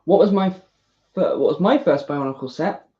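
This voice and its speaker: A woman's voice: sits low, normal speed, dark tone. A British woman chatting casually to herself in a self-deprecating ramble as she builds a model kit. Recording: dull lo-fi recording.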